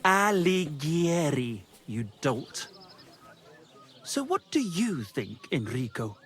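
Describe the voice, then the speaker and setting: A man's voice: mid-range voice, huge pitch swings, slow, heavily acted. An actor playing a pompous, lovesick male troubadour poet in a video game, theatrical and scornful of anyone he thinks a boor. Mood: lofty. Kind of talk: video game cutscene acting.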